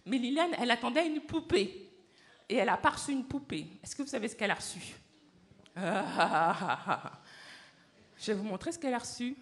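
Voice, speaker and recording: A woman telling a story to children at a church service, animated and often asking the children questions. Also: on the high side, normal speed, pauses often. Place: church hall.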